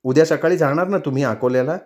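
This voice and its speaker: A man reading aloud and voicing a gentle, concerned elder sister on a phone call in a storybook reading. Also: on the high side, fast, close to an everyday voice.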